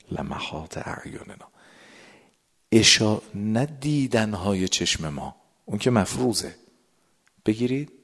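A man preaching to a gathering with a very deep, low voice. He lingers over words and slows down for emphasis. Now and then he sinks to a near-whisper. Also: gravelly. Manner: drawn-out words, sudden drops to a whisper. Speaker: religious lecturer. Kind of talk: sermon explaining a prayer text. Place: gathering with a live audience.

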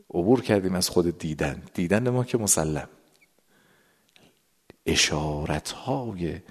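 A man preaching to a gathering with a very deep, low voice. He lingers over words and slows down for emphasis. Now and then he sinks to a near-whisper. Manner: drawn-out words, sudden drops to a whisper. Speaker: religious lecturer. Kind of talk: sermon explaining a prayer text. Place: gathering with a live audience.

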